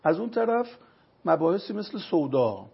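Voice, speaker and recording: A man's voice: high voice, big pitch swings. A man consulting on traditional medicine, lecturing with everyday examples in an interview. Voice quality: gravelly and raspy. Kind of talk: explanatory interview talk. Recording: dull lo-fi recording.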